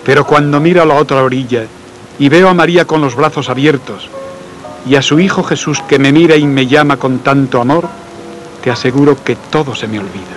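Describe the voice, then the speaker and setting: A man reads devotional letters in a soft, earnest, intimate voice, letting phrases fade quietly. His voice sits at a middling pitch. Faint music and the patter of rain run underneath. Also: a little fast, low-quality recording. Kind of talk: slow devotional reading.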